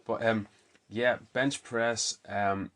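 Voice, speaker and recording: Guy coaching lifts on a podcast, low voice, kinda monotone, lots of ums. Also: slow pace. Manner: relaxed, explanatory, frequent ums. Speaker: fitness coach podcast host. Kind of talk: casual instructional podcast talk.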